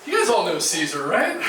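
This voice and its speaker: A man's voice: high-pitched, sharp tone. A male stand-up comedian from Jacksonville, Florida, doing a self-deprecating set in a small comedy club. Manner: self-deprecating, conversational punchlines. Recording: echoey room from far off, noisy.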